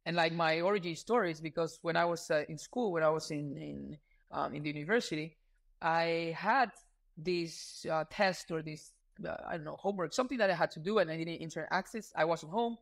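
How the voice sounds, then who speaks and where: A man in his thirties from Ecuador, a startup founder talking as a podcast guest in a relaxed, earnest way with frequent fillers. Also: on the high side, fairly quick, vocal fry. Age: 30s. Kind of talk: casual interview talk.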